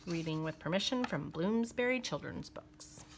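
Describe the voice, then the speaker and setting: The recording is very noisy. Over it, a woman with a lowish voice reads a children's picture book aloud in a deliberate, expressive storytelling style.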